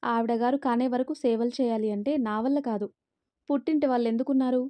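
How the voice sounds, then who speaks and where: A woman voicing a bitter, sharp-tongued middle-aged mother-in-law who scolds and taunts in a raised voice. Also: on the high side, fairly even intonation, fairly quick, lightly acted. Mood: scornful.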